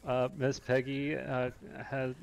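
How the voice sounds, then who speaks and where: A man's voice: medium pitch, monotone, takes it slowly, gravelly, slight background noise, low-quality recording. A man chatting in character during a role-play game, hesitant and stammering.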